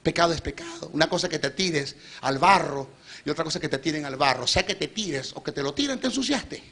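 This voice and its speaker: A middle-aged Venezuelan man preaching a sermon in church, emphatic and rising to loud peaks, asking the congregation questions. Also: on the high side, expressive, fast talker, gravelly. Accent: Venezuelan Spanish.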